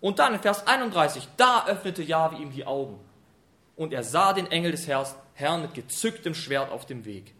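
A man preaching a sermon, retelling a scripture story in a lively, colloquial way. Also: a little high, moderate pace. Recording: echoey room.

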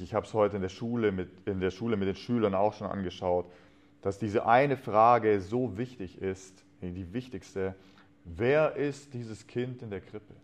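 A man giving a sermon to a congregation. He reads a story aloud expressively and talks earnestly, often trailing off softly at the ends of phrases. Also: fairly low pitch. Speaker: preacher.

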